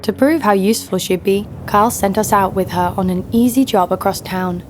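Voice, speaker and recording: A woman narrates and stars in an audio drama as a tough, sardonic young bounty hunter, her tone wry and world-weary. Her mid-range voice, fairly quick and close to an everyday voice, plays over soft background music.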